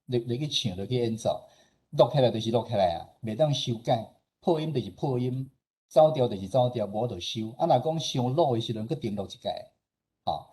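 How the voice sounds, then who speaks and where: Animated and brisk, this man speaks in a mid-range voice that is dark and slightly rough. A Taiwanese-accented radio station director and host, he delivers an informal slide talk in a conversational, explanatory manner. Small particles seeking agreement often cap his phrases.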